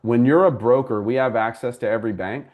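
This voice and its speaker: A man's voice: medium pitch, a little fast, phone-quality sound. A man hosting a live homebuyer class as a mortgage broker, explaining things conversationally and answering viewers by name. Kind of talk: live class with audience questions.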